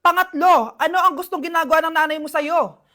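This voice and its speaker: A woman performing short comedy skits in a lively, theatrical way. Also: very high-pitched, a little fast. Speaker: sketch comedy creator. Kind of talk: comedic skit acting.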